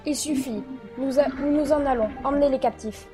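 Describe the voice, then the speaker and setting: A woman as a cruel masked unicorn tyrant in a fan audio drama, her voice set high and cutting, every line tossed off with haughty, dismissive contempt. Faint music hums behind her. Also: fairly quick, mellow, close to an everyday voice.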